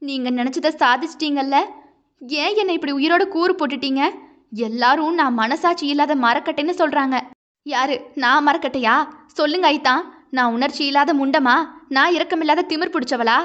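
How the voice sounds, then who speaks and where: A woman's voice: high-pitched, moderate pace, fairly bright tone, dull audio. A woman voicing a grieving young wife, impassioned and pleading through tears. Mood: anguished.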